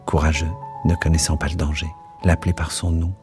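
A man with a deep, low voice reads literary prose aloud, expressive and rhythmic. He lingers over words and images. Faint music plays softly behind him. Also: a little fast. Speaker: narrator. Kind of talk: literary reading. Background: soft music.

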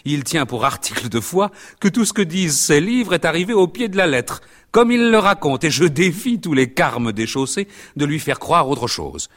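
A man's voice: fairly high pitch, big pitch swings, moderate pace, a bit bright, pitched above the performer's own voice. A man voicing a wry young nobleman, amused and mocking.

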